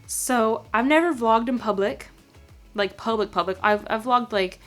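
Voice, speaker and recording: Soft music plays in the background as a young woman in her twenties vlogs casually, speaking at a measured pace in a somewhat high, slightly bright voice. Filmed at home and then in a parked car on her camera's on-board mic at arm's length, she's chatty and a little self-conscious, using lots of fillers.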